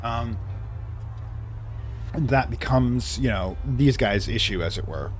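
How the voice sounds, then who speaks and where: A man's voice: medium pitch, expressive, slow, faint music behind. A man doing casual game commentary, rambling and thinking aloud as he plays. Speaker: let's play commentator.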